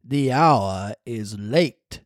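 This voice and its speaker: A podcast reader voicing the faint, grave ghost of an old talking cricket in a storybook reading, slow and measured. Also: medium pitch, expressive, no echo, studio quality, pitched below the performer's own voice.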